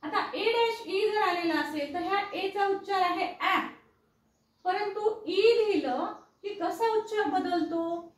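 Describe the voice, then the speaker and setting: A woman's voice: very high-pitched, takes it slowly. A woman teaching English pronunciation, explaining patiently, repeating key words and asking the viewer questions. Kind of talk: explaining spelling and pronunciation to learners. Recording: echoey room, voice from a distance.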